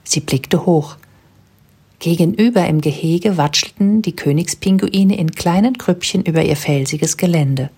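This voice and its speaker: A woman narrating a children's storybook in a calm, even storytelling manner. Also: lowish voice, a little slow, husky.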